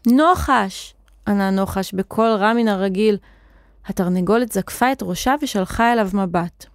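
A woman narrating a children's story in a clear, expressive reading voice. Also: mid-range voice, dry recording, clean studio sound.

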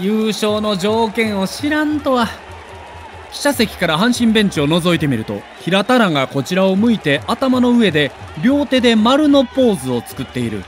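With a Kansai Japanese accent, a male storyteller narrates a scripted sports documentary in a high voice that swings widely in pitch, lending it a theatrical, dramatic shape. A little hiss or hum can be heard.

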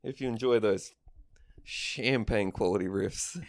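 A man's voice: fairly low pitch, measured pace, no echo, clean studio sound. An Australian man co-hosting a comedy podcast in casual chat, with matey, sweary banter.

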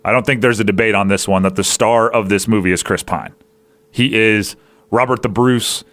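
A man's voice: fairly low pitch, fairly even intonation, moderate pace, fairly bright tone. A man hosting a podcast, casually chatting through a movie review in a rambling way, with restarts and fillers. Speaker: podcast host.

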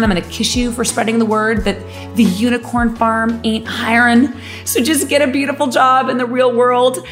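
A middle-aged woman who founded a company, hosting a motivational podcast monologue, emphatic and full of filler words, laughing easily. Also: on the high side.

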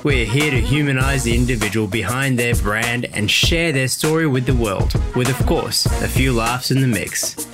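A man's voice: medium pitch, normal speed. A man reading a scripted show intro in an announcer's delivery. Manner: announcer delivery over music. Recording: intro with loud hip hop music. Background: hip hop music.

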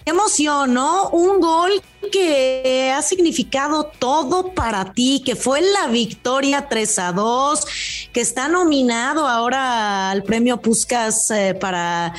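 A woman's voice: sits high, takes it slowly, faint music behind. A woman hosting a sports podcast, asking long, emphatic, winding questions. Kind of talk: interview questions.

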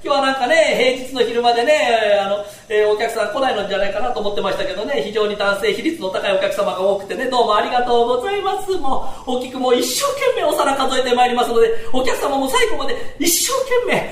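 A chirpy, high-pitched ghost woman with a sing-song swing, put on by a male storyteller. She patters politely like a stage entertainer. The voice echoes from a distant mic in a hall with faint noise. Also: lively intonation, fast talker, few pauses, fairly bright tone. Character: ghost woman Okiku, chirpy, overworked showgirl. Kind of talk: rakugo character voice.

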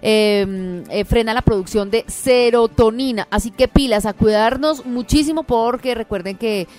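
Lively Colombian woman giving food tips. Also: fairly high pitch, faint music behind. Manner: lively, quick, explanatory. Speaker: radio co-host giving health tips. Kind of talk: casual radio chat.

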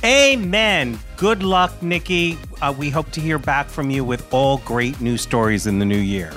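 Bright, playful man co-host. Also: mid-range voice, faint music behind. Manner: playful, campy, quick quips.

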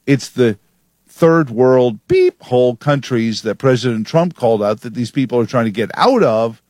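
A man's voice: medium pitch, expressive, normal speed, darkish tone, no room sound, studio quality. Opinionated male talk radio host. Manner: opinionated, emphatic, sardonic.

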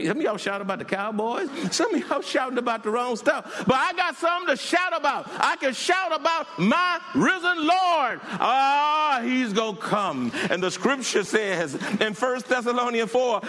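A man preaching a sermon, building from calm teaching to loud shouting and chanting. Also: sits high, long reverb tail.

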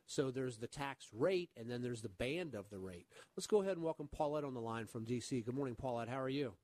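A man's voice: medium pitch, animated, brisk, darkish tone, no room sound. A man hosts a call-in radio show and answers questions about money. He sounds earnest and often repeats a word or two before he gets his sentence going. His mid-range voice is caught on a dry, close studio mic. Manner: earnest, repeats words when starting sentences. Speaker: radio show host, financial advisor.

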